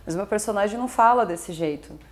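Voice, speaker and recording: A woman's voice: medium pitch, expressive, quick pace. A young Brazilian woman, a musical theatre performer, chatting casually as an interview guest and often ending her points with little tag questions. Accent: Brazilian Portuguese.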